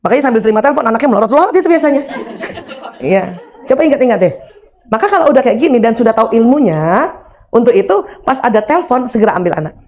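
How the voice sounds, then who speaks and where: A middle-aged woman giving a religious lecture on parenting and marriage, animated and humorous, acting out everyday examples. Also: a little high, quick pace.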